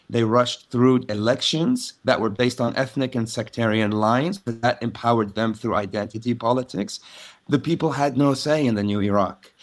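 A man speaking as a think-tank researcher on a panel, in a measured way with frequent restarts. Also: medium pitch. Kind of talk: panel discussion.

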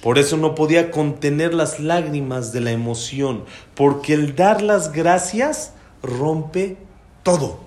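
A man's voice: a little high, slow, darkish tone. A man, a religious teacher telling a heartfelt, emphatic story in a sermon. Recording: roomy hall with faint background ambience.

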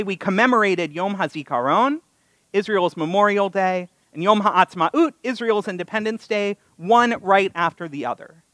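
High and a touch bright, with no room sound, this rabbi speaks in a North American accent. His sermon at a live synagogue service is conversational and built on stories, laced with self-deprecating wit.

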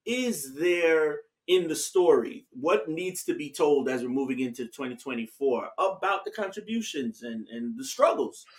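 A man hosting a radio interview, affirming his guest and giving shout-outs between questions. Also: on the high side, expressive, normal speed, hardly any pauses. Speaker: radio show host. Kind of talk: interview conversation.

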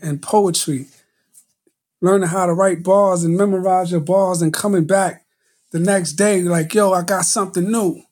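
Laid-back male poet with a mellow voice. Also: sits high. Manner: relaxed, halting with restarts. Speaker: guest poet. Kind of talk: casual chat.

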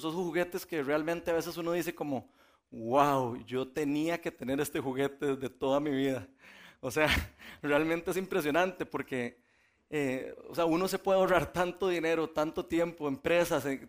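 A man preaching a sermon, telling stories in a relaxed, conversational way and often laughing. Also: on the high side.

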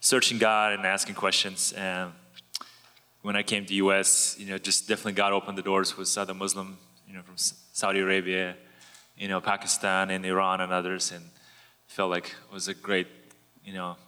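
Guy, low flat voice, talks fast with lots of ums, echoey hall. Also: clear, resonant tone. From Kazakhstan. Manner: halting, many fillers. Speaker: campus minister. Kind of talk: panel introduction.

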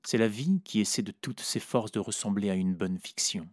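A man narrating a literary story in a measured, reflective way. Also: on the low side, a little mellow, no echo, clean studio sound.

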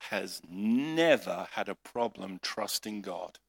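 A middle-aged man preaching a sermon, telling a personal story with dramatic swings between loud outbursts and hushed tones. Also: fairly low pitch, lively intonation, slow, vocal fry. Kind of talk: sermon with live interpretation.

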